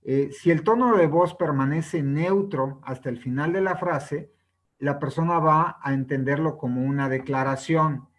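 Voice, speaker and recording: A man talks through a sales book as a lesson, in a voice pitched a little above the usual for a man. He checks in with his listeners through a steady "no?" after his points and acts out sample questions to show how intonation changes them. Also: unhurried, low-quality recording. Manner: ends many phrases with a questioning "¿no?" tag. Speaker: presenter reviewing a sales book. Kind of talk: explanatory lesson.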